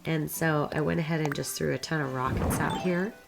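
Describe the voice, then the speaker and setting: A woman with a raspy, hoarse smoker's voice, worn from being sick, giving casual, rambling gameplay commentary in an informal way. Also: sits low, steady tone, a little fast, soft background music. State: hoarse from a recent illness. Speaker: video creator narrating game footage.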